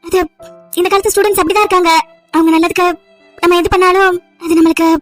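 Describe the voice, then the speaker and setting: A woman voicing a gentle female colleague who consoles a teacher in an amateur audio drama. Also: extremely high pitch, fairly even intonation, quick pace, soft background music. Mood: consoling.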